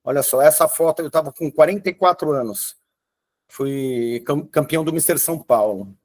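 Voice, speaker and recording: A man's voice: a little high, normal speed, a little mellow. A man in his fifties teaching a live online fitness class, talking enthusiastically with frequent restarts. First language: Portuguese. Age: 50s. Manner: enthusiastic, hesitant restarts, showing photos. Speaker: fitness coach.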